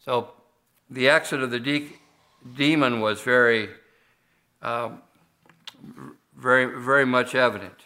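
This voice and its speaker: An older man delivers a sermon from the pulpit in a bright, clear-toned voice. He speaks in a measured, unhurried way. He often stops mid-phrase and starts over before moving on. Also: mid-range voice, steady tone. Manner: measured, unhurried delivery with frequent pauses and restarts. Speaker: pastor.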